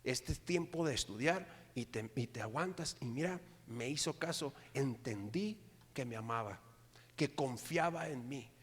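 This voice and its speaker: A middle-aged man, preaching a sermon with animated delivery and often asking the congregation for agreement. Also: medium pitch, a little slow, breathy edge. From Mexico. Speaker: pastor. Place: church hall. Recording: long hall reverb.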